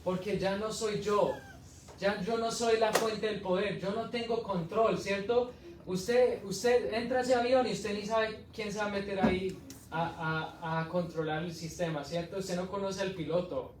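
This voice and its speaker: A man, an evangelist, giving an animated testimony sermon full of storytelling and laughs in a church hall. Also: high voice, measured pace, a little hiss or hum. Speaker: evangelist preacher. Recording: echoey hall from far off.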